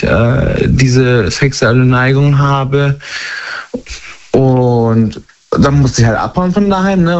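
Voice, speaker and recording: Halting young man, dull lo-fi sound. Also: medium pitch, darkish tone. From Germany. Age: 20s. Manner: halting, searching for words. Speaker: guest. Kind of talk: candid personal conversation.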